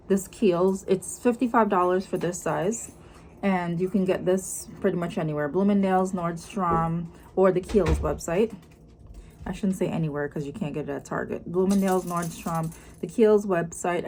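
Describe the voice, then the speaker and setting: A woman with a Jamaican accent chatting casually in a vlog, explaining things as she goes in an unhurried, conversational way. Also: lowish voice, darkish tone. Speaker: vlogger. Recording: clearly noisy room ambience.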